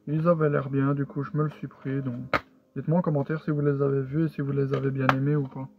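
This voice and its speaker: A man's voice: medium pitch, level tone, fast, noisy background. A man casually showing his purchases in a haul video, talking hesitantly with many fillers and restarts. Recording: tinny lo-fi sound with faint music.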